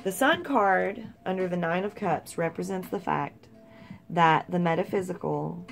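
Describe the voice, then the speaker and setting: A woman's voice: fairly low pitch, a little slow, creaky, faint music behind. A young woman giving a casual, rambling tarot reading with some swearing. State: hiccups. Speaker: tarot reader.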